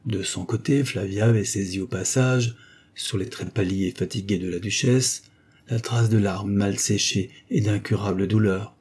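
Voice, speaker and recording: A man narrating an old novel in a measured, literary reading style. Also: lowish voice, darkish tone, slightly rough. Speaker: audiobook reader. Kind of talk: scripted narration of a 19th-century novel.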